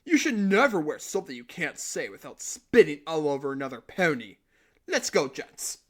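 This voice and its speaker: A man's voice: on the high side, very animated, a bit bright. Prince Blueblood, a man voicing a pompous pony prince. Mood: mocking. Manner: pompous, theatrical and drawn-out. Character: pompous, idle male pony prince, smug and teasing. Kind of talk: fan audio drama acting.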